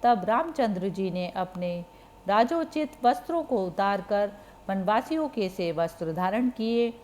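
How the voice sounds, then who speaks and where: A woman reads a sacred epic aloud as a scripted narration. Her delivery is very slow and deliberate. Her voice sits at a middle pitch and keeps an even, measured reading tone. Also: slight background noise.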